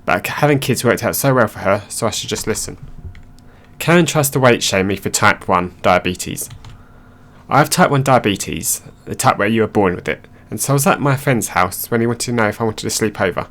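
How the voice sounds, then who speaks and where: A man narrating online stories aloud in a plain, steady reading voice. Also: fairly low pitch, brisk.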